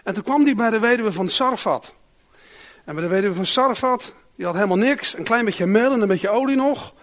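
High-voiced man preaching a sermon. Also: a little fast. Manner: animated, raises voice when reading dramatic quotes. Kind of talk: sermon with prayer and Bible reading. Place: church.

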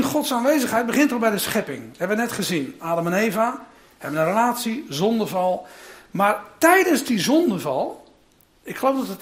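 A preacher delivers a sermon with dramatic storytelling. The voice swings through a lively range of pitch and keeps breaking into casual asides to the listeners.

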